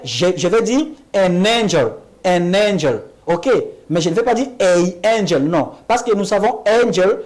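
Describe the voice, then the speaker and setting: Speaking French with a lively pitch, a woman teaches English on a television program. She goes over English examples slowly, repeating them, and asks "Ok?".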